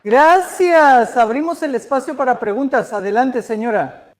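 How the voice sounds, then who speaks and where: A woman's voice, sitting somewhat high, delivers a dubbed talk as a guest speaker at a church gathering. She explains each point in a measured, earnest way and takes questions from the audience.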